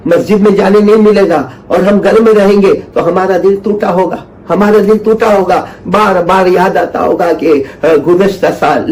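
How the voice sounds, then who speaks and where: A man's voice: high-pitched, darkish tone. A man preaching an earnest religious talk, repeating phrases for emphasis and telling a story. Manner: chants Quranic verse slowly. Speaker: Islamic preacher.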